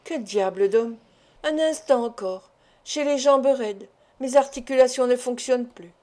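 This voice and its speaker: A woman's voice: fairly high pitch, unhurried, warm tone, lightly acted. A woman reading aloud voices a timid, complaining older village doctor who pleads and frets, in an audiobook. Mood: pleading. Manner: pleading and fretful.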